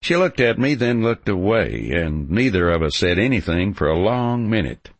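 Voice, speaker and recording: A man narrating a scripted western story in the first person, with a gravelly, husky voice and a measured, dramatic delivery. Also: fairly low pitch, big pitch swings, dry recording. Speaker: audiobook narrator.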